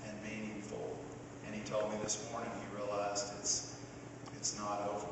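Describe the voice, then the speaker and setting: A distant, heavily reverberant recording of a man speaking at a podium in a large hall, with clear noise over it. He gives a eulogy in an earnest, preacher-like way. His phrases are halting and broken by pauses. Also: on the low side. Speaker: son giving a eulogy for his mother. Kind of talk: eulogy speech. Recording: very echoey hall, distant mic, hissy noise.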